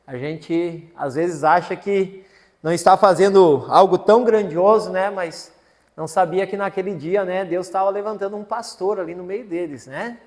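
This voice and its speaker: A man serving as pastor delivers a sermon at normal speed, his voice sitting high with a slightly mellow quality. The church hall gives a long echo as he folksily recounts a family story full of tag questions.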